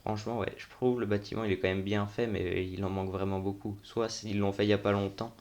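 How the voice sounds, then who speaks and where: Low, flat, creaky-voiced young man. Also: a little fast. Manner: informal, slangy, thinking aloud. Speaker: gaming video host. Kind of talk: casual unscripted game tour commentary.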